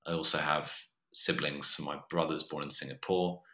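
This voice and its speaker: A man with a modern Southern English accent telling personal stories in a measured, reflective way. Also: a bass voice, level tone, bright, forceful tone. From Australia. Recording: roomy, echoey sound.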